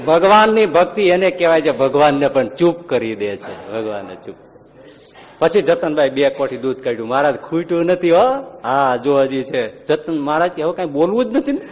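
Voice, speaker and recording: A man giving a devotional sermon, telling stories animatedly and acting out the characters' lines with sudden loud and hushed swings. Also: fairly high pitch, lively intonation, moderate pace, background noise. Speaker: religious storyteller. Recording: long hall reverb.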